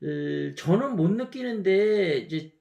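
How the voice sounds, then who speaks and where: A man's voice: sits high, lively intonation, slow pace, creaky, a little mellow, roomy sound. A man in his fifties with a slight Gyeongsang Korean lilt, an English teacher chatting through a pronunciation lecture and demonstrating words aloud.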